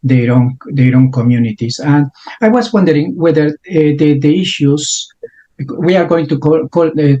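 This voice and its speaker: Man, interview host, mellow voice, halting with restarts, dull lo-fi recording. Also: a little high. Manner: halting, many restarts and fillers. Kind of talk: interview questions.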